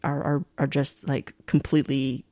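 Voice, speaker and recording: A woman's voice: rumbling low, level tone, normal speed, dark tone, dry recording. A young adult woman, born in China and raised in Canada, talking reflectively as a podcast guest, laughing often and restarting her sentences. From born in China, grew up in Canada. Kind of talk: reflective conversational interview.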